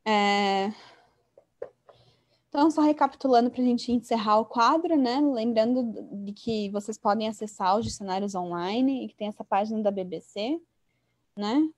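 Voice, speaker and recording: A woman's voice: fairly high pitch, moderate pace, darkish tone. Chatty woman teaching an online lesson. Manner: explains idioms in a chatty teaching tone, with frequent tag questions. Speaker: English teacher.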